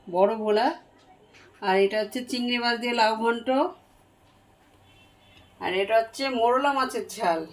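A middle-aged woman and grandmother narrating a casual home vlog, chatting straight to her viewers as she goes about her chores indoors, recorded on a handheld phone. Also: mid-range voice.

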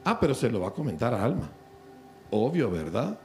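A Mexican man in his sixties, with a Mexican Spanish accent, preaches from a church conference stage to a gathering of pastors. He's very animated and racing, his medium-pitched voice a little mellow, speaking conversationally and often asking if listeners follow and agree. Faint music plays behind him.

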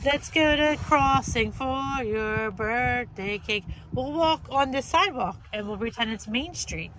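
A woman's voice: fairly high pitch, unhurried, fairly bright tone, a little hiss or hum, poor audio. A woman playfully teasing her child in a casual family vlog, talking in a sing-song, joking way. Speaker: mother vlogging with her child.

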